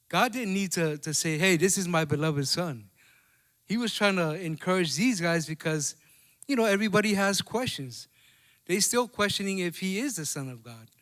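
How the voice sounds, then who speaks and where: A Samoan-accented pastor with a high, fairly bright voice gives a bilingual sermon at church. He preaches in a conversational way, checking in with the congregation through tag questions.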